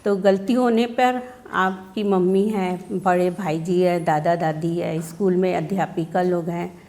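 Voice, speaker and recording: At a workshop session, a woman schoolteacher from India explains how she teaches children, posing questions, acting out their answers and often adding "है ना?". Her voice is lowish and a little mellow, with a steady tone and measured pace.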